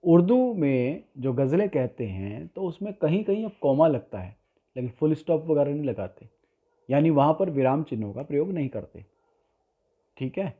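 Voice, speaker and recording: A man giving a spoken poetry lesson who explains patiently and slowly repeats example lines word by word. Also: on the high side, very animated. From India. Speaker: poetry teacher. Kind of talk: spoken lesson on ghazal writing. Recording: tinny phone-like sound.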